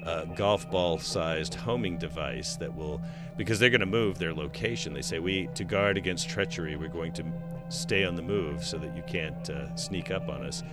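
A man's voice: deep voice, normal speed, over loud music. A man hosting a podcast, casually retelling a TV episode's plot in detail and chuckling now and then. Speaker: podcast host. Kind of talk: casual chat recapping a TV episode.

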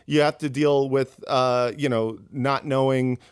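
A comedian guest in a casual interview, rambling with many fillers and restarts. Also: male voice, mid-range voice, steady tone, measured pace, clear, resonant tone, no room sound, studio quality.

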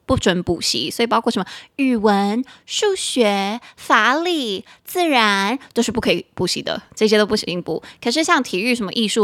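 A woman's voice: medium pitch, fairly bright tone, dry recording, clean studio sound. Young Taiwanese-accented woman co-hosting a podcast. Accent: Taiwanese Mandarin. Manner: spells words slowly, laughs while telling stories. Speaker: podcast co-host teaching English. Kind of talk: casual chat with English lessons.

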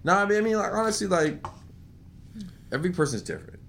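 A young man in casual chat, animated and profane, acting out what people say. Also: high-pitched, fast, gravelly, slight background noise. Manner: animated, swearing, acts out quotes.

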